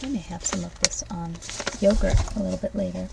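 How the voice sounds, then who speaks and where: Woman, soft hushed ASMR ASMR role-play, low-pitched, creaky, gentle, unhurried, addressing the listener. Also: steady tone, heavy background noise. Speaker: ASMR host. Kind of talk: soft ASMR ASMR role-play, tasting snacks and reading oracle cards.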